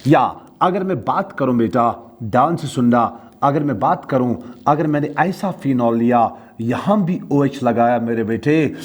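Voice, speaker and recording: Animated Kashmiri male chemistry teacher. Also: medium pitch, slightly rough. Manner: animated, repeats the word "beta" and answers his own questions. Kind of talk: classroom lecture.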